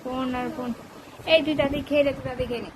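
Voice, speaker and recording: A high-voiced woman speaks casually, like a mother running a home vlog. Her manner is playful and chiding, homely and informal. The recording carries clear household noise. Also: steady tone, fast talker. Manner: nagging, playful, chiding family talk. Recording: noisy home phone-video recording.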